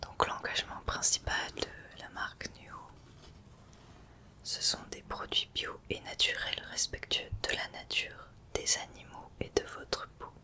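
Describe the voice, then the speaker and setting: A woman's voice: unhurried, sharp tone. A woman hosting an ASMR unboxing, speaking in a whisper and soothingly addressing the listener directly. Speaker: ASMR video host.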